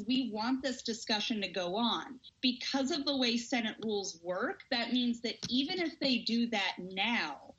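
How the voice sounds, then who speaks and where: A woman congressional correspondent giving a brisk, explanatory live report to the anchor. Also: fairly high pitch, a bit bright, a little hiss or hum. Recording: dull, lo-fi line.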